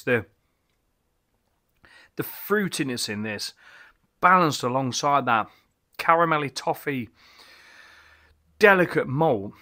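Sharp in tone and mid-range in pitch, a middle-aged man talks through a beer in a casual review vlog. He's enthusiastic and rambling, full of exclamations and restarts, recording indoors in his little home bar cabin with bottles on the shelves.

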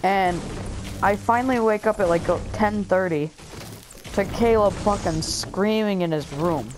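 A man's voice: high-pitched, measured pace, music in the background. A young man chatting casually with friends while playing an online game, rambling through stories in a laid-back way. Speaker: gamer, channel host. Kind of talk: casual gaming chat with friends. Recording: noisy voice chat recording.

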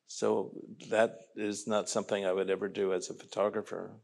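A man's voice: on the low side, little pitch movement, fairly quick, gravelly, a little mellow. A man in his eighties from New York, an artist on a panel, talking casually and making wry jokes. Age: 80s. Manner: wry, joking asides.

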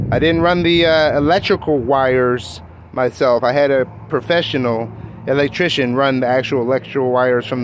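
This is a hot tub owner giving a casual handheld tour of his own backyard tub, filming on the phone camera he carries. He talks in a mid-range voice, rambling and self-correcting with plenty of fillers, and there's a slight hiss or hum.

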